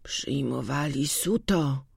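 Narrator doing a sick old farmhand, faint feverish voice, slow sighing talk, in a dry close-up storybook read. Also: mid-range voice, expressive, gravelly, slightly rough, no room sound, full character voice. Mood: weak, mournful. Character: sick weak older male farmhand.

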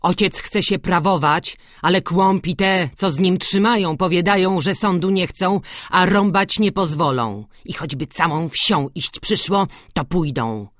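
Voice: mid-range voice, a little slow, hardly any pauses, fairly bright tone, no room sound, clean studio sound, pitched above the performer's own voice, close to an everyday voice. A reader voicing an angry, resentful young male peasant who grumbles, in an audiobook.

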